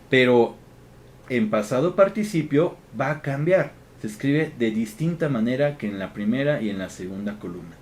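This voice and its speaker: A man's voice: medium pitch, darkish tone. A man teaching English grammar from slides, patient and step by step, often checking in with the class, with faint background noise. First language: Spanish. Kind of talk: slide-based grammar lesson.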